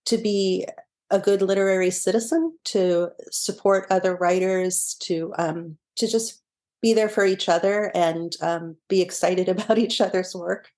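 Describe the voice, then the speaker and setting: A middle-aged woman with a slightly low voice, a guest author in a podcast interview. She talks in a reflective, unhurried way, laughs easily and often circles back to restart a thought. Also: darkish tone.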